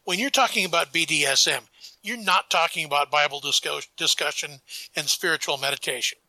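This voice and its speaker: Wry male co-host, very bright sharp tone, higher pitch, dry close mic. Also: brisk, no echo, rough recording. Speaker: podcast co-host. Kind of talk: casual chat.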